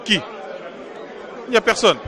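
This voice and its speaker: A man's voice: measured pace, pushed and bright, some chatter behind. A man from Congo, a diaspora political activist, answering interview questions in an emphatic, insistent way and repeating his points.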